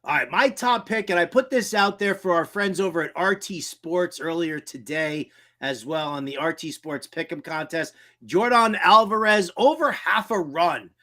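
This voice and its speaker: A man co-hosting a sports betting show, joking and self-mocking in casual chat before giving his picks. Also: on the high side. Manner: animated, self-mocking, quick to joke and laugh. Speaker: co-host, betting analyst.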